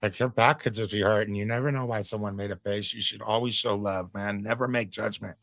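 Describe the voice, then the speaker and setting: Laid-back low-voiced male streamer. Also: fairly even intonation, a little fast, gravelly, a bit bright, no echo, faint music behind. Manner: laid-back, chatty, preachy asides. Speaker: reaction streamer. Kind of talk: casual commentary on a clip.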